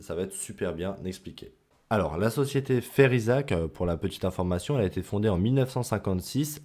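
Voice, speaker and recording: Chatty man explaining investing, low mellow voice. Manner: chatty, filler-heavy, self-mocking asides. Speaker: investing channel host. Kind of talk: casual screen-share explainer.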